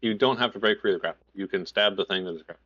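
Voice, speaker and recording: Lowish-voiced man running a tabletop game. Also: rapid-fire, a bit bright, no echo. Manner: conversational, explanatory. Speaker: game master. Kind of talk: casual narration of a tabletop game. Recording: dull lo-fi voice recording.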